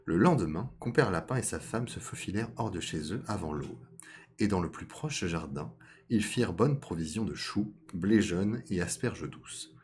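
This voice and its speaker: A man's voice: low voice, lively intonation, normal speed, darkish tone. A man streaming a live reading of a folk tale, stopping now and then to comment on his character voices.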